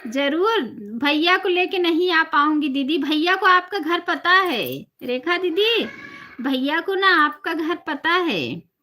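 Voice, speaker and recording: A woman from Uttar Pradesh with an Awadhi-flavored Hindi accent, hosting a live stream and chatting casually with viewers, greeting them by name and softly repeating blessings. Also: very high-pitched, animated, slow. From Uttar Pradesh, India. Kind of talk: casual live-stream chat reading comments.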